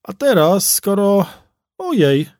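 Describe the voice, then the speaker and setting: A man voicing a sour, mocking male traffic police sergeant in an audiobook, talking slowly and condescendingly. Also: high voice, sing-song, a little mellow, no echo, clean studio sound, voice pushed up, full character voice. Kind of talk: audiobook character voice.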